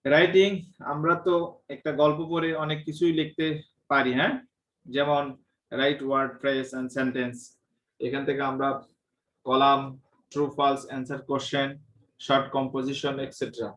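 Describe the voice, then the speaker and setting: Slow, hesitant male teacher. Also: medium pitch, flat delivery, a bit bright, distant mic, poor audio. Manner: drawn-out, hesitant delivery with frequent 'ah' pauses; mixes English teaching phrases into Bengali. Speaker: English teacher. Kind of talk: online classroom lesson.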